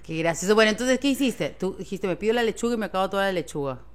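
A woman's voice: mid-range voice, animated, very fast. A woman with a Peruvian Spanish accent hosting a casual chat, asking teasing, probing questions. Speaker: host.

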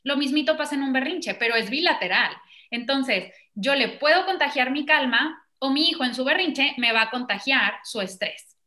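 Woman, parenting expert; high, bright voice, animated explainer. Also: normal speed. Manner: animated, acts out children and parents in quoted voices. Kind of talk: explanatory conversation.

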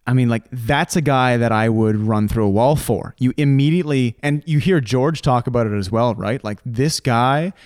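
A man's voice: mid-range voice, normal speed, few pauses, a little mellow, clear, resonant tone, no echo, studio quality. A man co-hosting a podcast, chatting casually with teasing banter and frequent laughs. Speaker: podcast co-host. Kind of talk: casual chat.

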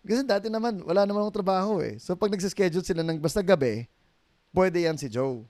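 A man's voice: high voice, quick pace, no room sound. A middle-aged Filipino man, a pastor, telling stories in a casual podcast chat, acting out quoted voices and laughing easily. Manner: animated storyteller who acts out quoted voices, laughs easily. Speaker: pastor guest.

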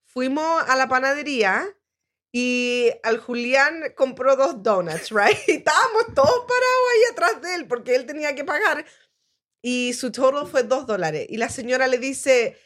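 A woman co-hosts a relaxed family podcast, talking over the others with animated stories. Her voice sits high and bright. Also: normal speed. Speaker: podcast co-host. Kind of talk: casual family chat.

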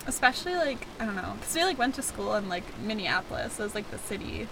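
A woman's voice: mid-range voice, sing-song, quick pace, background noise. A young American woman co-hosting a podcast from inside a car, telling travel stories in a casual, giggly, filler-heavy way. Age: young adult. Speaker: podcast co-host.

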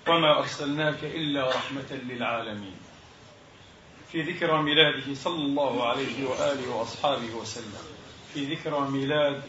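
A man preaching a sermon in formal standard Arabic, with measured, classical diction, in an echoing indoor space. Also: mid-range voice, bright, forceful tone, far from the mic. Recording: echoey room, dull lo-fi sound, faint noise.

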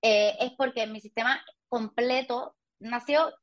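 A woman's voice: fairly high pitch, steady tone, unhurried, lo-fi sound. A woman in her thirties with a Puerto Rican Spanish accent, talking candidly as a podcast guest with light self-mocking humor. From Puerto Rico. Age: 30s. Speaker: guest, patient. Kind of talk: casual podcast interview.

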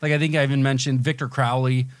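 A man's voice: medium pitch, little pitch movement, fast talker, no echo. Chatty man with a dry sound. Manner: rambling, enthusiastic, restarts often. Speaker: podcast co-host. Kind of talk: casual chat.

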